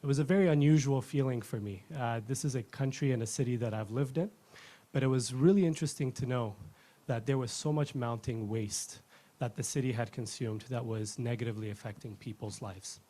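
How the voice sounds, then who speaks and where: A man in his thirties from Ethiopia, giving a rehearsed pitch as a company founder in an earnest, fluent way. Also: a little fast, warm tone.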